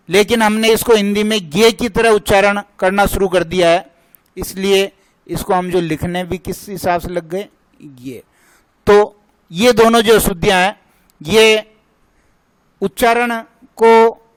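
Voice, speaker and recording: Slow, clear male Hindi grammar teacher. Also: high voice, no room sound, poor audio. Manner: slow, repeats questions and answers to drill points.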